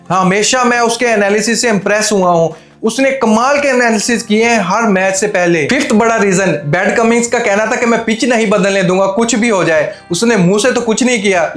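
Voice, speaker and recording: A man's voice: high voice, fairly bright tone, echoey room. A young man analyzing a cricket match to camera in a studio with a lapel mic, firing rhetorical questions and slipping English phrases into his talk. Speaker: cricket commentator. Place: indoor studio set with armchair.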